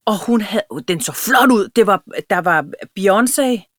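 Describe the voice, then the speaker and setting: A woman's voice: medium pitch, animated, no echo. Frank, chatty woman in a dry room. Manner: chatty, frank storyteller, often laughing. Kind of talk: casual chat.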